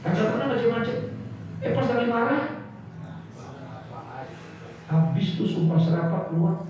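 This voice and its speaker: A man's voice: high-pitched, lively intonation, unhurried, darkish tone, slight background noise. A male preacher gives a casual sermon, quizzing his listeners and acting out voices. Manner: asks the congregation questions, acts out voices. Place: prayer room. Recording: echoey, dull, from far off.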